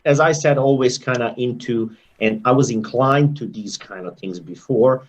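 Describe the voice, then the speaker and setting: Over a video call, a man in his thirties from Serbia recounts his story as an interview guest in a Serbian accent. He speaks at a moderate pace in a mid-range voice, reflective and rambling, growing animated at points.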